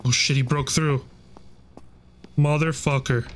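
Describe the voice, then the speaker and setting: A man's voice: on the high side, fairly even intonation, a little slow, a bit bright. A young man doing nervous horror game commentary, muttering and swearing to himself like a scared streamer. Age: young adult. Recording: clearly noisy, game ambience behind.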